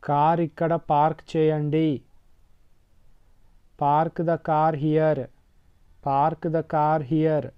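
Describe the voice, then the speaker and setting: A man whose first language is Telugu, with a Telugu accent, teaches everyday English sentences in a slightly high, flat voice. He speaks each line slowly and repeats it for learners. His tone is smooth, and the audio is dull and lo-fi. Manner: slow, deliberate repetition. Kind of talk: slow sentence drill, Telugu then English twice.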